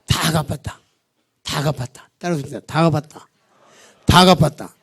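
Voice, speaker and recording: 열정적으로 설교하는 높은 목소리의 남자. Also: male voice, a little high, normal speed, gravelly, husky. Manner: animated, swings between loud emphasis and quiet asides, acts out dialogues. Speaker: preacher. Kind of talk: revival sermon. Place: church hall.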